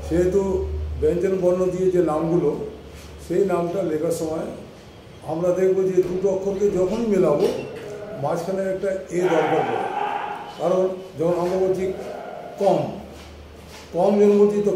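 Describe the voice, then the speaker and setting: A man's voice: high-pitched, steady tone, moderate pace, long pauses, very echoey, recorded from a distance, background noise. A man teaching an English class, patiently repeating and spelling out letters one by one. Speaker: English tutor. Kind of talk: online class explanation.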